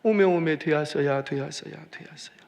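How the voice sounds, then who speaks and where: A man voicing an overjoyed older aunt who weeps as she speaks in Jeolla dialect, with drawn-out sobbing cries. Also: a little high, vocal fry, big-room sound, background noise. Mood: tearful joy.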